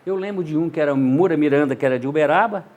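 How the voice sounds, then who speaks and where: A man's voice: fairly high pitch, fast, highs cut off. An older man from Minas Gerais, with its regional accent, telling stories from his radio career in a casual interview and acting out the dialogue. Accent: Minas Gerais Brazilian Portuguese. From Montes Claros, Minas Gerais, Brazil. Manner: animated, acts out dialogue in voices. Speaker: journalist and radio narrator, guest.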